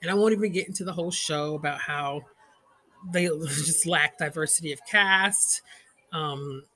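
A woman hosting her own podcast in an easy, chatty way. She sounds animated and laughs often. Her voice is a little breathy and husky. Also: deep voice, moderate pace. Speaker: podcast host. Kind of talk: casual solo podcast chat.

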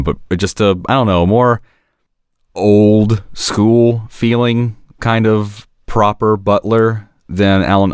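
A man with a low, resonant voice talks through ideas as a podcast host. He is casual and analytical, halting to find the right word, and the recording is very dry. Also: clear, resonant tone, no echo. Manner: hesitant, searching for words, self-correcting. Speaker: podcast host discussing an animated series.

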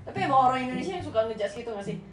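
A young woman chatting casually, telling an anecdote in lively slangy speech. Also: sits high, rapid-fire, reverberant, crowd noise. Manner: animated storytelling, slangy. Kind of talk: casual chat.

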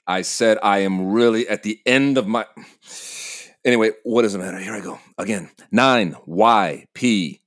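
Man playing a frazzled, stammering low-voiced airline customer. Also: a bit bright, lightly acted. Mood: frustrated, weary. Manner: halting, stammering, exasperated. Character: anxious, frazzled divorced male airline passenger at breaking point. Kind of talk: naturalistic comedic drama acting.

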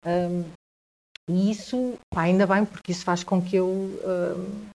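A woman with a European Portuguese accent, telling a personal story as a guest in a conversation, with halting speech, frequent restarts and repeated words. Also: fairly low pitch, fairly even intonation, vocal fry, darkish tone.

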